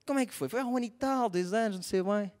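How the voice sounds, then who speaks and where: A young man with a European Portuguese accent doing live stand-up comedy, animated and self-mocking, swinging from soft asides to loud outbursts. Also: high voice, very fast. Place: theatre stage before a live audience.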